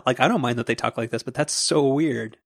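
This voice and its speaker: A man co-hosting a podcast, talking in a wry, animated way with little laughs. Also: medium pitch, fairly quick, gravelly, no echo, clean studio sound. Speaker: podcast co-host. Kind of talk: casual tech chat.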